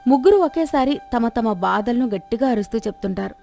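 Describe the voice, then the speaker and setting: A woman narrating a folk tale in a calm, even storytelling manner. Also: a little high, quick pace, gravelly, faint music behind.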